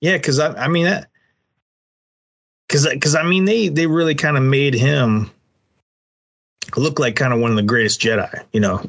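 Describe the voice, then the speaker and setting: A man co-hosting a podcast in casual chat, relaxed and agreeable, with lots of fillers and restarts. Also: medium pitch, moderate pace, vocal fry, pauses often. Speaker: podcast co-host.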